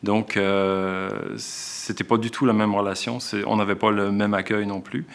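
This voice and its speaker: Speaking at normal speed with a flat delivery, a Québécois-accented elementary school teacher explains himself in a documentary interview, reflective and prone to frequent restarts as he thinks. His voice is on the low side, smooth and a bit bright.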